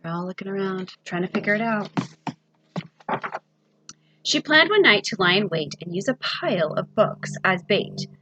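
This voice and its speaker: A woman librarian reading a picture book aloud to children, with expressive sing-song storytelling and questions to her young listeners. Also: mid-range voice, moderate pace, pauses often, background noise.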